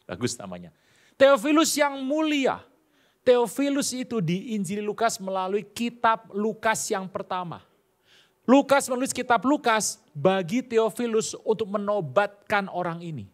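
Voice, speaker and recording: A middle-aged male pastor delivering a sermon, telling stories with animated, acted-out dialogue. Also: high-pitched, normal speed.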